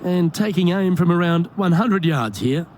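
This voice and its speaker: A man calling golf shots as play-by-play commentator, measured and handing over to his colleagues. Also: high-pitched, a little mellow, slight background noise. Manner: measured, calls each shot and hands over to colleagues. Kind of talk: sports commentary.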